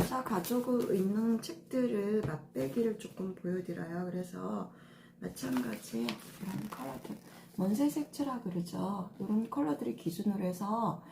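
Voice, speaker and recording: A woman's voice: mid-range voice, gravelly, noisy background. A middle-aged woman stylist giving a casual lesson on color coordination, patient and step by step with many fillers. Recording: echoey room with faint ambience.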